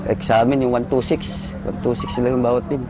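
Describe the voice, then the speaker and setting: A man, a soldier, recalling a firefight in short halting bursts and military jargon. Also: mid-range voice, flat delivery, music in the background, low-quality recording. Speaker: soldier recounting combat. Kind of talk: casual spoken recollection.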